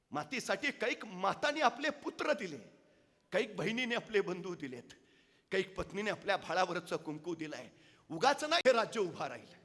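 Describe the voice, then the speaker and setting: A man's voice: high-pitched, sharp tone, in a large hall. A man giving an impassioned public speech full of dramatic storytelling. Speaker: public speaker. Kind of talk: oration.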